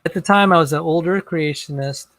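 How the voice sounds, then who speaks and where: Halting man with a slightly high voice. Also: a bit bright, no room sound. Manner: halting, repeats words as he restarts. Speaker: guest in a debate on creation and science. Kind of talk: casual video-call conversation.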